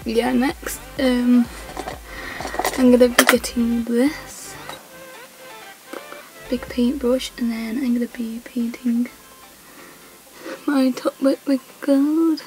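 Young woman rambling on her home vlog, slow and a bit gravelly, soft music behind. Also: a little high, fairly even intonation, poor audio. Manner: rambling, giggly, self-correcting with many fillers. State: voice sounds odd, she says. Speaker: vlogger. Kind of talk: casual chat to camera. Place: home, indoors.

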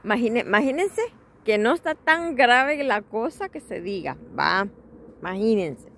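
A woman's voice: a little high, animated, measured pace, fairly bright tone, slight background noise. A middle-aged woman, chatting casually to her followers while waiting outdoors. She holds her phone in her hand to record, rambles, and often laughs. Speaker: vlogger. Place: outdoors at a bus stop. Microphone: phone held in hand.

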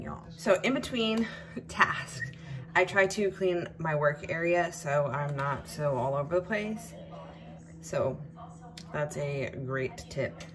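A young woman, chatting casually as she cooks in her home kitchen, with plenty of ums and a relaxed, unhurried way of talking. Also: low voice, background noise. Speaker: home cook vlogger. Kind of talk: casual cook-along narration.

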